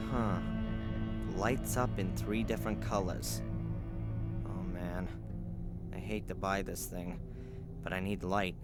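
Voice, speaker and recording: Low-voiced sardonic game hero. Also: male voice. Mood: sardonic disgust. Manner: dry, sarcastic muttering to himself. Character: weary, sardonic male adventurer hero, grimly determined. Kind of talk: video game monologue. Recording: loud music behind the voice.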